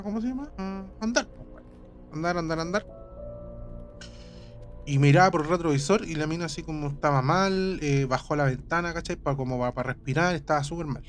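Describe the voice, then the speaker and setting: A man with a Chilean accent spins a story in a loose, casual chat, circling back and repeating himself with plenty of slang. His voice sits a little high, and faint music plays underneath. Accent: Chilean Spanish. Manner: rambling, repeats words, heavy slang.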